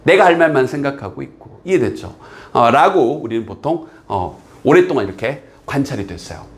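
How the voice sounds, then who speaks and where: Animated male English teacher. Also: mid-range voice. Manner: lively, drills students with repeated checks; reads English slowly, explains in Korean. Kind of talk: exam passage lecture.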